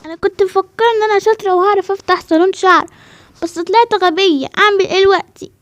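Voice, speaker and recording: A woman voicing Anya, a high eager girl. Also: fairly even intonation, racing. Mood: upset. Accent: Egyptian Arabic. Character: girl who opens a hair salon, eager, sensitive. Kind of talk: voiced game role-play.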